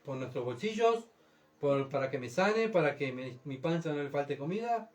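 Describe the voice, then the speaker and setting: Man, middle-aged, pastor's sermon, fairly high voice, keeps checking the room is with him. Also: lively intonation, normal speed. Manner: keeps asking the congregation for agreement.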